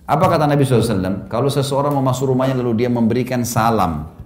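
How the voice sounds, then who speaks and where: A man preaching to a congregation, telling anecdotes about his children in a warm storytelling way and often chuckling at his own stories. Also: mid-range voice, racing.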